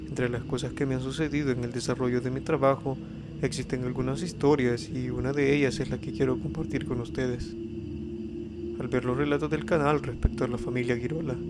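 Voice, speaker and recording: A man narrating a horror story as scripted narration, reading in a steady, even way. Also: mid-range voice, fairly quick, heavy background noise. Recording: eerie ambience under the voice. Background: spooky ambience and effects.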